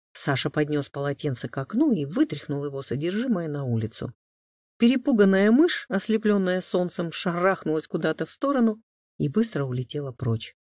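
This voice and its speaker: A man narrating an audiobook with expressive storytelling. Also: on the high side, no room sound, clean studio sound.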